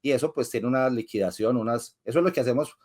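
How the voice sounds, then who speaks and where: A man's voice: medium pitch, fast talker, a little mellow. A man, a lawyer guest in an interview, who explains patiently like a teacher and asks and answers his own questions. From Colombia.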